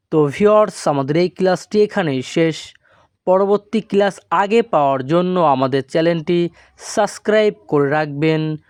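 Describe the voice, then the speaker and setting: Slow, high-voiced male teacher. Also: a little mellow, clean tone, dry recording. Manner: slow and deliberate, stretches out foreign words. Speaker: language teacher. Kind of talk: slow scripted language lesson.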